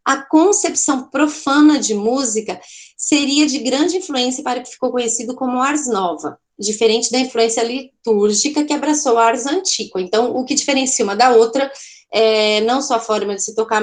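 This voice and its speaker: A woman with a Brazilian Portuguese accent teaches an online art class, explaining things chattily, often checking in with her students and correcting herself. Her voice is a little high and a little fast.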